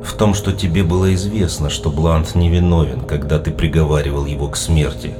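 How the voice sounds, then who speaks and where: A man performing a disembodied voice speaking out of the darkness, very low and distant, as though no body stands behind it. It taunts and questions with unhurried calm. Music plays clearly underneath. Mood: cold. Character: unseen mocking male voice in the dark.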